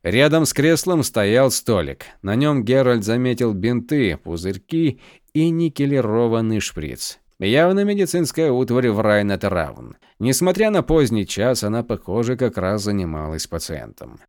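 A male audiobook narrator telling a fantasy tale with lots of movement in his pitch. His voice sits at a middle height and the recording is dry and close, with no room sound. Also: unhurried, no echo. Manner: expressive storytelling. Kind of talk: scripted narration.

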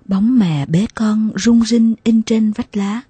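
A woman narrating a memoir audiobook in a slow, soft, emotional way, with passages dropping to a hush. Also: a little high, slightly rough, no echo, low-quality recording.

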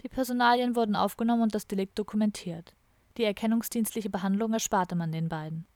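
A woman reading an audiobook aloud, telling the story in an even, wry way. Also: medium pitch, quick pace, no room sound. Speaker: audiobook reader. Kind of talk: scripted narration.

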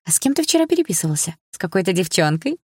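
A woman's voice: fairly low pitch, very animated, racing, a little mellow, slightly rough, dry recording, clean studio sound. A woman voicing a playful, teasing teenage younger sister who wheedles and pleads.

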